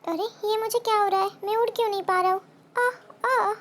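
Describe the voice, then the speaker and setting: A woman's voice: very high-pitched, normal speed. A woman voicing a small, playful male baby bird in a cartoon story. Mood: frightened. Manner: eager, boastful child's musings.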